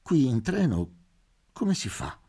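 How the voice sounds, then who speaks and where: A timid, anxious middle-aged doctor, voiced by a man reading an audiobook stammers and frets in a fussy way. The voice sits low and husky, with a mellow warmth, pitched a little above the reader's own narration. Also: animated, slow pace, exaggerated voice. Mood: flustered. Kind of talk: audiobook character voice.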